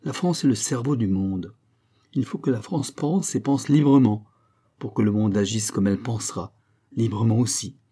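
A man's voice: fairly low pitch, moderate pace, mellow, natural voice. A man voicing a grandiose, mocking male mystic conspirator in an audiobook, with emphatic, sweeping, ironic delivery. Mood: lecturing. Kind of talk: audiobook reading.

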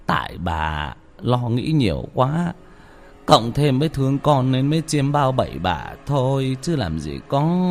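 Man doing a calm old father, soothing, low voice, faint music, storybook ghost tale.

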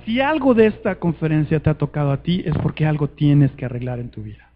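A man preaching a sermon to a conference, urgent and fervent, swinging between loud appeals and hushed words. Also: on the high side, animated, brisk, phone-quality sound, slight background noise.

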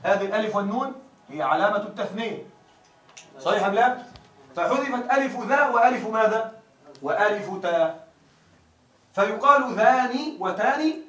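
A man teaching grammar to a class, stretching out example words slowly and often asking the students whether the point is clear. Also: sits high, fairly bright tone. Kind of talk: classroom lecture. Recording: echoey room, mic far off.

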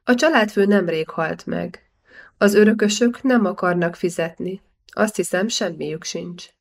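In an audiobook, a woman voices a shrewd, calculating older male banker, sounding smooth and persuasive with a fairly low pitch.

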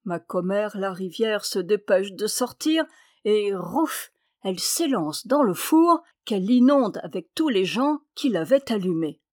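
A woman reading a fairy tale aloud in a lively, expressive way. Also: mid-range voice, measured pace, no echo, studio quality. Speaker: storyteller.

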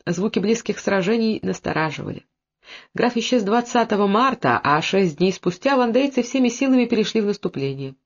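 A narrator reading a historical novel aloud in measured, scripted narration. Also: medium pitch, animated. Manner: measured storytelling. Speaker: audiobook narrator. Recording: dull lo-fi audiobook recording.

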